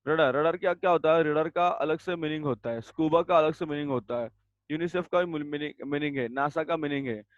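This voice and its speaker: A man teaching a grammar lesson over a video call, giving slow, deliberate definitions and sternly telling students to mute. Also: on the high side, dry recording. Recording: dull lo-fi video call audio.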